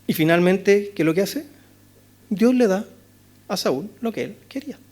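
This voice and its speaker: Chilean male pastor, expository sermon, high voice, rhetorical questions, dynamics from loud to hushed. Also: lively intonation, moderate pace. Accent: Chilean Spanish. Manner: rhetorical questions, frequent "¿no es cierto?", swings between loud and hushed. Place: church chapel.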